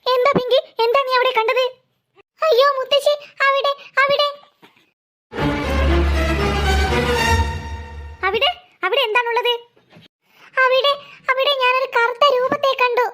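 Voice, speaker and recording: A woman voicing a nervous, excitable young girl in a cartoon, who stammers breathlessly. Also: extremely high pitch, moderate pace, faint music behind. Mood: frightened. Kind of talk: cartoon voice acting.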